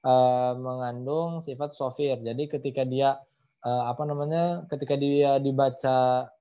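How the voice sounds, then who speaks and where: A man's voice: medium pitch, fairly even intonation, measured pace, clean tone, dull audio. A man teaching Quran letter pronunciation in an online lesson, patiently repeating each point over a video call. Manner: patient, repeats points with many tag phrases.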